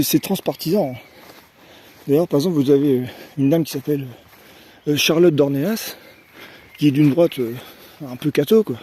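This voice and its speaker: A French vlogger with a medium-pitched, dark voice delivers a casual opinion monologue, with a little hiss or hum in the recording. He rambles, using fillers and tag questions and repeating words while searching for the right phrasing.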